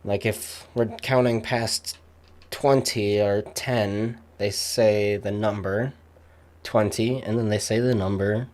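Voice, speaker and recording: A young man chatting casually, rambling with many fillers and pauses. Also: on the low side, steady tone, darkish tone. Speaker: streamer. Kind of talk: casual chat.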